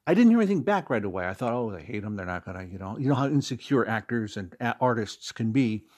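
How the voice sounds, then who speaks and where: Low-ish and darkish in tone, his sing-song delivery is fast. He's a middle-aged American from Fort Wayne, Indiana, an audio drama creator and stage actor who chats as an interview guest, telling anecdotes with emphatic stresses.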